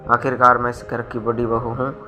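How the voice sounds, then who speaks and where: A man's voice: medium pitch, monotone, normal speed, pushed and bright, soft background music, lightly acted. A man voicing a sly young woman, the elder daughter-in-law in a storybook tale, who blames others. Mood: scheming.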